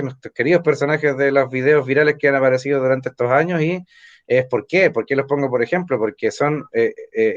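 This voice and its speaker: A man's voice: mid-range voice, muffled recording. A man with a Chilean accent, teaching an online evening language class and explaining with rhetorical questions and tag questions. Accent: Chilean Spanish. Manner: explanatory, asks rhetorical questions, frequent "¿ah?" tags. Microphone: computer or phone mic on a video call.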